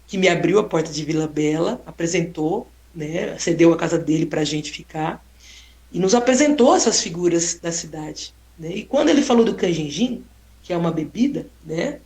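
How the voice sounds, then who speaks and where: A woman photographer telling a story in a casual, expressive way, exclaiming often and tagging sentences with "né?". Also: on the low side. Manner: expressive, exclaiming, frequent "né?" tags. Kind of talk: casual storytelling on a live stream. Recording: roomy echo.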